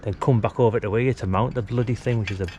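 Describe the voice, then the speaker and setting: With a lowish, warm voice and a steady tone, this British man talks fast and colloquially while working on a DIY task. A radio hobbyist and vlogger, he's outdoors by a house's brick wall, in a clear recording with ambient work noise.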